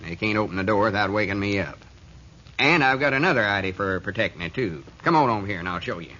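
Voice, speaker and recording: An actor playing a bossy old storekeeper with a drawl, heard through an old AM radio broadcast. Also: male voice, lowish voice, lively intonation, quick pace, bright, forceful tone. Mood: self-assured. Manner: scolding, self-assured drawl. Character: old rural male storekeeper, bossy and sure. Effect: old AM radio broadcast sound. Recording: muffled noisy 1940s radio recording.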